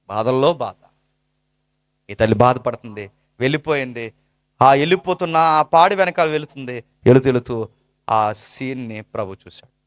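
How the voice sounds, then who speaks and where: A male preacher delivering a sermon with passion, firing rhetorical questions and swinging between hushed, low lines and loud, soaring ones. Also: no echo, clean studio sound.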